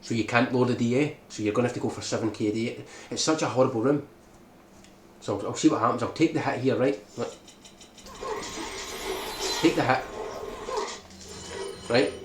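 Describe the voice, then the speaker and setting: A man's voice: mid-range voice, moderate pace, long pauses. Man explaining a speedrun in an echoey room. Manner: explanatory, keeps checking in with "right?". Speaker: speedrun guide maker. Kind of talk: game tutorial commentary. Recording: echoey room with background noise.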